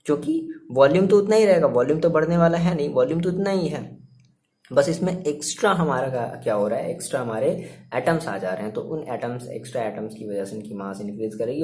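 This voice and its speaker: Mellow-voiced man teaching a chemistry class. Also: mid-range voice. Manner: chatty, repeats himself, asks and answers his own questions. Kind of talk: online class lecture.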